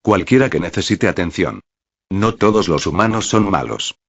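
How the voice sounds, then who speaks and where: A man reading as a calm, soothing young woman. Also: deep voice, normal speed, gravelly, full character voice. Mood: gentle. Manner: gentle, soothing. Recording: dull, dry lo-fi recording.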